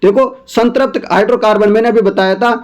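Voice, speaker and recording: Coaching teacher, male, high voice, folksy and coaxing. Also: fairly even intonation, fairly quick. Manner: chatty, repeats answers, coaxing asides to viewers. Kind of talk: exam question walkthrough lesson.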